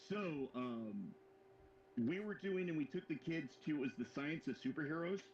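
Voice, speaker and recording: A man with a slightly high, expressive voice co-hosts a live modeling show at normal speed. He tells a long, rambling anecdote full of restarts in casual chat. The sound is roomy and dull with faint background noise.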